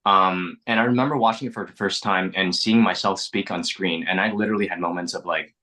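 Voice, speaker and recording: A young adult actor from Canada, originally a Mandarin speaker, talks in a casual interview with earnest reflection and many restarts. He speaks briskly in a low, bright, forceful voice with fairly even intonation.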